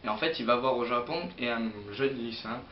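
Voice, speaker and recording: Speaking a little fast in a mid-range voice, a hesitant young man gives a casual manga chronicle to camera, rambling with plenty of fillers. His old computer's built-in mic makes it sound distant, roomy, dull and lo-fi, with a faint hiss.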